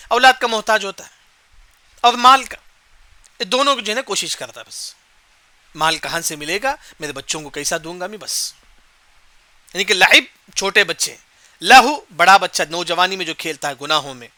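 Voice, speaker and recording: Male Quran teacher with a high, very bright voice, dry recording, explains word by word and chants verses. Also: no room sound. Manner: explains Arabic words slowly, repeats key points. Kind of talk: Quran commentary lesson.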